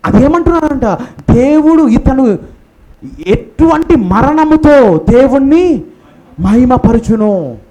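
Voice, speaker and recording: A man's voice: high-pitched, darkish tone. A man preaching a sermon at a church memorial service, emphatic and firing rhetorical questions, with English phrases mixed in.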